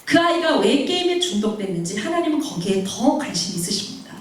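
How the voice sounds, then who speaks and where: A woman missionary preaching a sermon and telling personal stories, animated, acting out the voices of people she quotes. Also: fairly high pitch, fairly quick. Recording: very echoey hall, mic far off.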